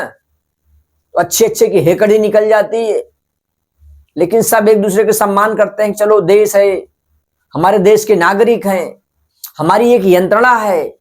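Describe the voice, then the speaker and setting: Man scolding in rhetorical commentary. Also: high-pitched. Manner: scolding, rhetorical, repeats phrases for emphasis. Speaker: channel host. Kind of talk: spoken opinion commentary.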